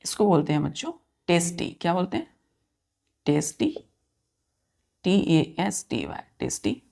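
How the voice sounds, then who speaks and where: A woman's voice: lowish voice, sing-song, a little slow, gravelly, mellow. A woman teacher giving a vocabulary lesson, spelling words out letter by letter and asking questions of her students.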